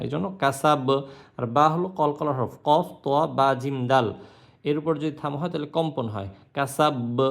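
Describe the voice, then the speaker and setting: A man teaching Quran recitation, spelling out each letter and vowel mark, then chanting the verse in long drawn-out notes. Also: fairly high pitch, vocal fry. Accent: Bangladeshi Bengali.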